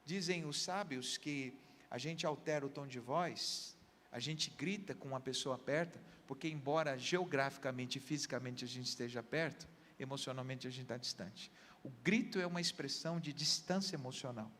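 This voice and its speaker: A man's voice: medium pitch, moderate pace, a bit bright, long reverb tail, a little hiss or hum. A man with a Brazilian Portuguese accent, a pastor, giving earnest counseling advice with everyday examples on a church program. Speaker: pastor, guest.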